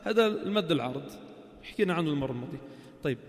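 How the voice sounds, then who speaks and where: A man teaching Quran recitation races through his classroom lesson with lively intonation and a fairly high pitch. He questions the class, then stretches out example words, all within a long hall reverb.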